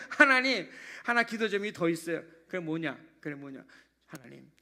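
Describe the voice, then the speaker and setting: A man, a pastor, preaching a sermon in a church, animated and swinging between loud emphasis and hushed asides, acting out little prayer dialogues. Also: high voice, a little slow. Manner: animated preaching, sudden drops to hushed tones. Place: church sanctuary.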